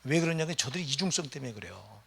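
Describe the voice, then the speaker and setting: A man's voice: mid-range voice, expressive, quick pace, creaky, a bit bright, breathy edge. A middle-aged man, a pastor, preaching a sermon in a conversational way and often putting questions to the congregation. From Gyeonggi Province, Korea.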